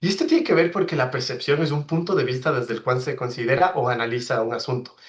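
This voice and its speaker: A man's voice: mid-range voice, fast talker. Ecuadorian man presenting on a video call. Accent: Ecuadorian Spanish. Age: 30s. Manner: friendly, explanatory, with frequent tag questions. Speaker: webinar speaker, veterinarian. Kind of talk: online presentation.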